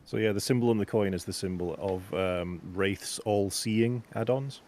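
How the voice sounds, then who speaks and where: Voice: sits low, moderate pace, a little mellow, a little hiss or hum. A co-player chatting casually on a game stream, laid-back and a bit hesitant. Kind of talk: casual banter.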